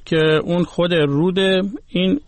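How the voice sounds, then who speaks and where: A man's voice: fairly high pitch, steady tone, a little mellow, no room sound. A man talking on a radio program, patiently explaining word origins one by one. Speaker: guest expert on languages.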